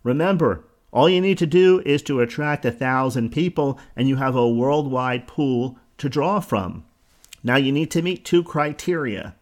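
A man's voice: mid-range voice, normal speed. Chatty New Jersey man hosting a podcast. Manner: conversational, self-correcting, rambling asides. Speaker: podcast host. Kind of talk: solo podcast talk.

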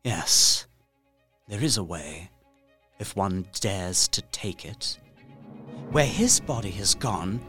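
Backed by music, an actor with a fairly low voice plays a desperate, haunted young Victorian gentleman trapped in a castle in a gothic audio drama. He narrates his journal with intense, deliberate, formal delivery, sounding desperate yet resolute.

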